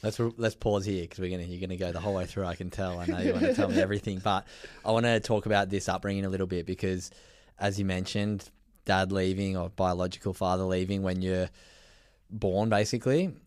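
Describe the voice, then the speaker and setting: An upbeat man hosts a casual podcast interview, chatty and friendly in tone. His voice sits fairly low. The sound is dry and close, with no room echo. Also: steady tone, fast talker, darkish tone. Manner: upbeat, chatty, says mate a lot. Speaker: podcast host. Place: indoors, travelling in New Zealand.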